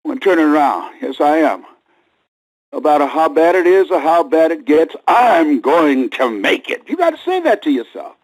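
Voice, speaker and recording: A man giving an emphatic, preacher-like motivational speech, repeating key lines and swinging from low murmurs to high cries. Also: normal speed, poor audio. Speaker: motivational speaker. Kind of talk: motivational speech to a live audience.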